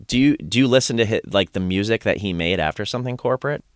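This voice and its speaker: A podcast host chats casually and enthusiastically through a conversational recap, restarting often, his voice a bit strained from singing. He speaks quickly in a lowish voice, with clean studio sound and no room echo.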